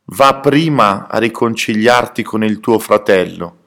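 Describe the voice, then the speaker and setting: Man reading liturgical prayer and scripture, unhurried, solemn and measured. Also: on the low side, fairly bright tone. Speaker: prayer leader and reader.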